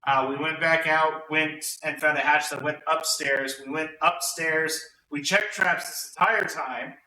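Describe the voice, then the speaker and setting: A man talks his friends through what happened in their tabletop game, rambling and correcting himself as he goes. His voice is bright and sits a little high. The recording is roomy, with a mic set some distance away and a faint hum underneath. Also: steady tone, a little slow. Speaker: tabletop player recapping the session. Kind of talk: casual recap among friends.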